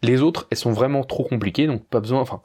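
A man with a slightly husky voice explains a pronunciation rule to a learner. He talks patiently and directly, like a teacher walking a student through a lesson, and gives one example after another. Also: mid-range voice, fast, dark tone. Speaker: language teacher.

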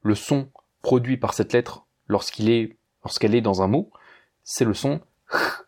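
Male language tutor, mid-pitched, relaxed informal delivery, deliberate pacing with repeated example words. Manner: slow, careful, repeats words for the listener; informal, addresses listener as tu. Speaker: language teacher. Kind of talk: pronunciation lesson.

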